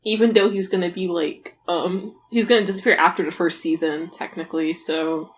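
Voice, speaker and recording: A chatty woman co-hosting a podcast, her talk loose and full of fillers, laughing often. Her voice sits a little low, with a faint hiss behind her. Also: steady tone, brisk. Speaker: podcast co-host. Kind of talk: casual chat.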